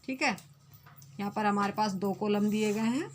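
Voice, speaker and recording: A woman's voice: mid-range voice, fairly even intonation, moderate pace, a little hiss or hum. A woman, a Hindi teacher, giving an online grammar lesson to young pupils and repeating each definition.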